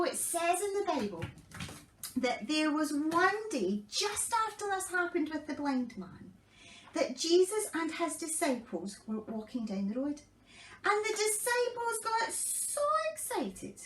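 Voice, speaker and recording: Lively woman telling children a Bible story. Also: high voice, slow, roomy sound, recorded from a distance, slight background noise, rough recording. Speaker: children's pastor.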